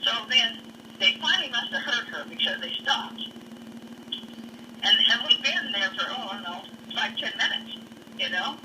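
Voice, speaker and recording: A woman giving an urgent, halting eyewitness account, repeating herself and restarting as she talks. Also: fairly high pitch, lively intonation. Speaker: eyewitness interviewee. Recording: distant mic with clear background noise.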